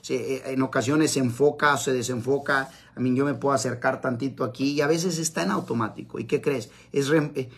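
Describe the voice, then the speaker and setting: A man's voice: mid-range voice, steady tone, brisk, few pauses, slightly rough. A man giving a live-streamed motivational talk, emphatic and repeating his key phrases. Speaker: motivational speaker. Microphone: camera mic on live stream.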